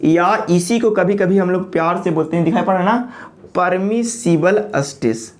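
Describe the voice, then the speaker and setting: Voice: medium pitch, moderate pace, a little mellow. An engineering lecturer who asks questions, answers them, and repeats key terms while checking in with the listener. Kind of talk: classroom lecture.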